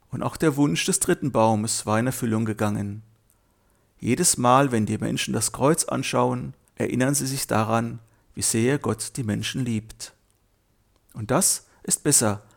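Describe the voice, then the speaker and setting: A man narrating a children's Bible story in a calm, gently expressive storytelling manner, briefly voicing the characters. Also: medium pitch, creaky.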